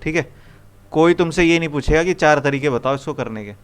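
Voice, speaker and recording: Clear-voiced man teaching a coding class. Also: a little high, fairly quick. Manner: coaxing, repeats questions to the class. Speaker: programming teacher. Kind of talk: live classroom coding lesson.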